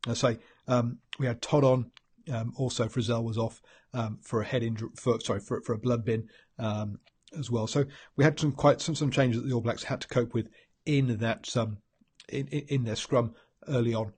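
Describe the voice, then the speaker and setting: With a mid-range voice at a moderate pace, this New Zealand-accented man has a fairly even intonation, a little mellowness, and a breathy edge. He's a rugby pundit host, congested from a stuffy cold, delivering a rambling one-man match analysis packed with ums and restarts.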